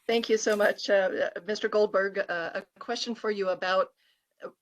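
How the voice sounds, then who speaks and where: Courteous woman, mid-pitched voice. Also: fairly even intonation. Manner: courteous, measured. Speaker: board member asking questions. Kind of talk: formal question at a board meeting.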